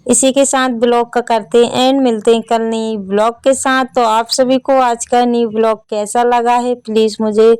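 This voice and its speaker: A woman's voice: a little high, steady tone, moderate pace, hardly any pauses, darkish tone, clear, resonant tone, no room sound. A young woman narrating her daily home and farm chores as a vlogger, chatting casually with her viewers. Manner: chatty, addresses viewers as friends. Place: rural home with farmyard.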